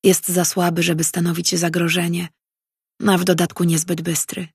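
A woman voicing a defiant young mind-reading heroine who argues and pleads, in a husky voice. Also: lowish voice, level tone, moderate pace, a little mellow, no room sound, clean studio sound. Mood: arguing. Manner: pleading, arguing.

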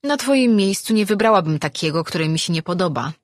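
A woman's voice: on the low side, animated, fairly quick, dry recording, faint music behind, close to an everyday voice. A woman voicing a wry, self-assured ancient sorceress who teases with dry humor. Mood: teasing advice. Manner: teasing, dry.

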